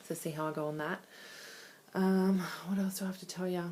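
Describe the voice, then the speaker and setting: A woman's voice: lowish voice, fairly even intonation, a little fast, darkish tone. A woman in her thirties talking candidly and conversationally in a casual personal video diary. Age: 30s. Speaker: vlogger.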